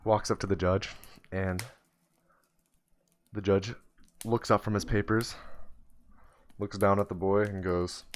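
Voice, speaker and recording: Low-pitched man, casual profane storyteller, faint keyboard clicks under him. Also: level tone, slow, long pauses, a little hiss or hum. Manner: loose, profane, rambling with fillers. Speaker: streamer.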